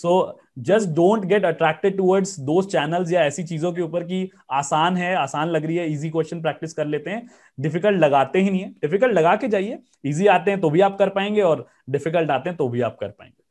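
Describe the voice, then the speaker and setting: A man's voice: on the high side, moderate pace, darkish tone. A man hosting an interview as an exam coach, speaking Hindi mixed with in an earnest, explanatory teaching tone.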